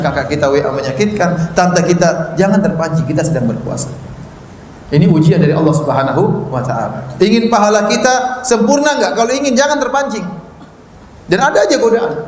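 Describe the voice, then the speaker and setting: High-pitched guy preaching, animated, gets loud then drops quiet, chants scripture slow, big echoey hall. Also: slight background noise. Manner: animated, swings from loud exhortation to quiet asides, joking. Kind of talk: sermon. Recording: echoey hall with long reverb.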